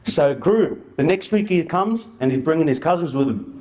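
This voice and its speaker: A man's voice: fairly high pitch, expressive, normal speed, dark tone, rough recording. A man giving an informal presentation as an outreach worker, telling stories in colloquial, slangy language. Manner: colloquial and anecdotal, with slang and re-enacted dialogue.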